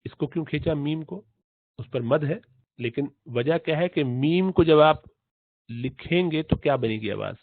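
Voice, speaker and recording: Male tajweed teacher, repeats letter sounds, drawn-out chanted recitation, tinny phone-like sound, dry. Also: on the high side, animated, no room sound. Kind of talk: tajweed lesson in Urdu.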